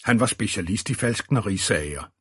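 A man reading an audiobook in a steady, even scripted narration. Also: on the low side, breathy edge, no room sound, studio quality.

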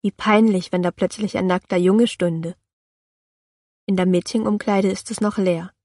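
Calm woman narrating an audiobook. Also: medium pitch, moderate pace, no room sound, clean studio sound. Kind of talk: first-person audiobook narration.

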